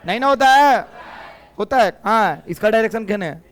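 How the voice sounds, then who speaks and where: A man's voice: high-pitched, expressive, moderate pace. A middle-aged man teaching physics in a classroom, with a Bhojpuri-tinged Hindi accent, teasing students and drilling them in call-and-response. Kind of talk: lively classroom lecture.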